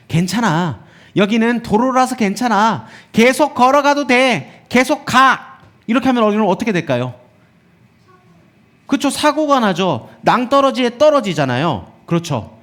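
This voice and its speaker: A male pastor preaching a sermon in a church sanctuary, often putting rhetorical questions to the congregation. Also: high voice.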